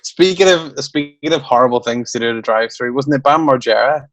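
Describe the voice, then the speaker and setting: A man's voice: medium pitch, fairly quick, fairly bright tone, dry recording. A man, co-hosting a podcast in casual chat, rambling and restarting his sentences and laughing often. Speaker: podcast co-host.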